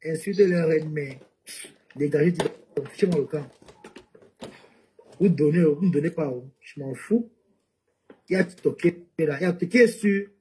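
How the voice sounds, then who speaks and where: A man's voice: fairly high pitch, normal speed, long pauses, mellow, a little hiss or hum, poor audio. A man hosting a casual live stream, repeating himself as he asks viewers to support him.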